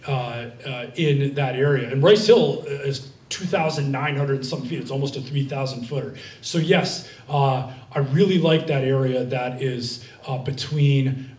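A man's voice: mid-range voice, a little mellow, slight background noise. A young man from Vermont answering audience questions at a library talk, full of fillers and restarts. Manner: rambling, many fillers and restarts. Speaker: guest speaker. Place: library event room. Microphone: handheld mic. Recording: roomy sound from far off.

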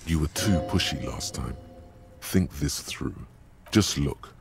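A man voicing the stern inner narrator of a detective video game, speaking in a grave, measured, coaching way. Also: rumbling low, animated, vocal fry, music in the background, heavily acted. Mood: calm coaching.

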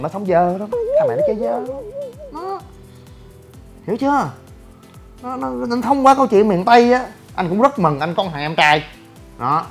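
A young man, talking bluntly and brashly in a rambling livestream monologue. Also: fairly high pitch. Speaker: gym owner and online personality.

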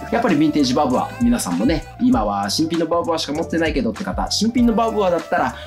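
A man in his thirties chats through a casual review in an Okayama accent. His pitch swings in a lively way and his pace is brisk, with folksy dialect mixed into polite phrasing, over guitar music. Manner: old-fashioned dialect phrasing mixed with polite sign-offs. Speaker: vlog host and clothing reviewer. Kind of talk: casual review talk to camera. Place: small furnished room indoors.

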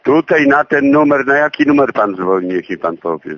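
A man's voice: mid-range voice, lively intonation, moderate pace, slight background noise. A man answering a phone call, firm and repeating himself, heard over a phone line.

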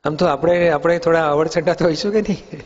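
A man's voice: a little high, brisk. A man, a spiritual teacher, leading a question-and-answer talk with young people, patiently questioning them and using everyday examples. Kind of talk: question-and-answer discourse for youth. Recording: dull sound in an echoey hall.

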